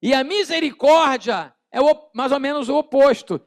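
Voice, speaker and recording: A Brazilian pastor preaching in a church, his voice pitched high with a rough, gravelly grain. He speaks in an animated way, acting out small scenes and calling on the congregation to repeat his words. The sound is dry and close, with little room echo. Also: moderate pace. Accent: Brazilian Portuguese. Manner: calls on the congregation to repeat phrases. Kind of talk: sermon.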